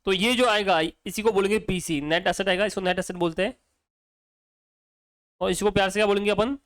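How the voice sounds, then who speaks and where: A man's voice: high-pitched, fairly even intonation, brisk, a bit bright, dry recording. A male accounting teacher, lecturing casually and quizzing students with repeated questions. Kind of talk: exam-prep lecture.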